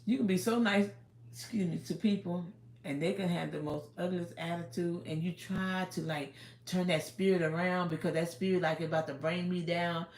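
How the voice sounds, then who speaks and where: A woman's voice: lowish voice, fairly even intonation, normal speed, a little mellow, roomy sound. A woman in her fifties chatting casually on a livestream, rambling and giving life advice, talking into her phone. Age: 50s. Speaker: livestream host.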